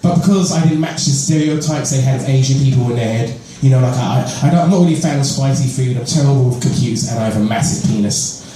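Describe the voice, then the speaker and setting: A man's voice: medium pitch, quick pace, few pauses, warm tone, a little hiss or hum. London man doing stand-up in an echoey club. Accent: London English. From London, England. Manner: conversational, laughs at own jokes. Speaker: stand-up comedian. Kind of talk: stand-up set. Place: comedy club stage. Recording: far from mic, roomy echo, faint club ambience.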